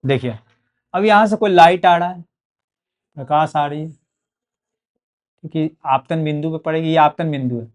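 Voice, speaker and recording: Pitched on the high side, this young man teaches board exam physics a little slowly, pausing often. His Bihari Hindi accent comes through as he repeats and drills key words, frequently checking in with "ठीक है" ("okay").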